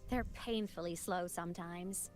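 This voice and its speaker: A woman's voice: on the low side, measured pace, soft background music, lightly acted. A woman voicing a cheerful young female college student who talks in a bubbly, teasing way. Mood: playful. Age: young adult. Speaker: game character. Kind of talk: game voice acting.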